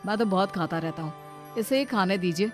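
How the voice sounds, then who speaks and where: An easygoing young husband, put on by a woman in an animated family story. He speaks mildly, waving off any fuss over himself. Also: mid-range voice, a little fast, soft background music, pitched below the performer's own voice, lightly acted. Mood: modest.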